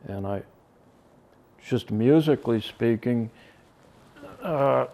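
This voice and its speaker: An older man speaks in a slow, unhurried drawl with a gravelly edge. His tone is dark and low, and he pauses often, trailing off softly between thoughts as he recalls the past in an interview. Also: a little hiss or hum. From Connecticut. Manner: slow, halting, many ums and trailing soft phrases. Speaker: drummer interviewed about his band. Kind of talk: reflective interview answers.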